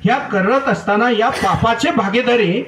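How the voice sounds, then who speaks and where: A man voicing a calm, fearless male sage who patiently questions a robber, within a devotional story. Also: extremely high pitch, measured pace. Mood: persuasive. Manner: calm, persuasive. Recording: echoey room heard from far off.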